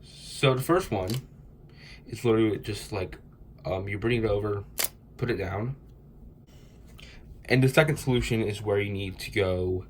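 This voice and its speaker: A young man who hosts cubing tutorials talks through puzzle steps in a loose, rambling, casual way, his voice stuffy and congested from a cold. It sits on the lower side, with slight noise in the background.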